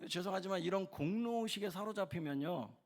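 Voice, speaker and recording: Emphatic high-voiced male pastor. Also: animated, fairly quick. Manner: emphatic, addresses congregation directly. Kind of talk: sermon. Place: church, Wednesday prayer service.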